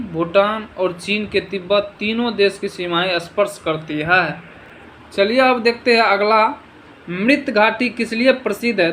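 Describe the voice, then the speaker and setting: A man's voice: high-pitched, a bit bright, a little hiss or hum, low-quality recording. A man teaching an exam revision lesson, asking short quiz questions and answering them himself, sometimes stumbling over foreign place names.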